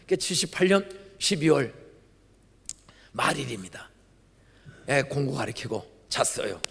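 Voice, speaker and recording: Older korean-church pastor, gravelly husky voice, swings way up and down, echoey sanctuary. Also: male voice, mid-range voice, sing-song, a little slow, slight background noise. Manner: dramatic storytelling with sudden loud bursts and acted-out dialogue. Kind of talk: sermon. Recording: church hall reverb.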